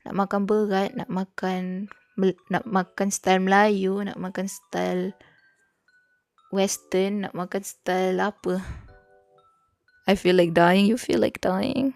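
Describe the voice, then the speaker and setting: On her study stream, this young adult Malaysian woman talks casually in a Malaysian accent, switching between Malay and English, filling gaps with fillers, and sometimes reading notes out loud. Her mid-range voice is gravelly and a little mellow, with a flat, somewhat slow delivery in a dry recording.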